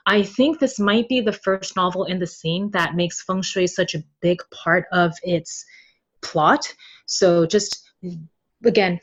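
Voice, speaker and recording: A novel translator appears as a podcast guest, her fairly low voice caught on a muffled recording. She talks casually and candidly, expressively mimicking how other people reacted.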